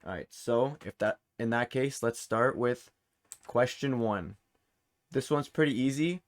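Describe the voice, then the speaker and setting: In a casual chat, a man hosts a video game trivia quiz, informally reading out the questions and answer choices. His voice sits at medium pitch and moves a little slowly.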